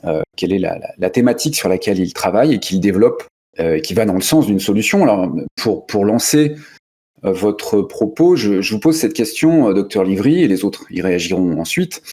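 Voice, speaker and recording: Opening a radio discussion show, a male host speaks a little fast in an expressive, warm, low-leaning voice with a breathy edge. He's hesitant, with many fillers and restarts.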